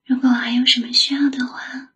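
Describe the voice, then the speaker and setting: A woman whispering softly as an attentive young secretary who looks after her boss in an ASMR roleplay. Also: high voice, level tone, a little fast, breathy edge, full character voice. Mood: caring. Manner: soft whispering, gentle and solicitous.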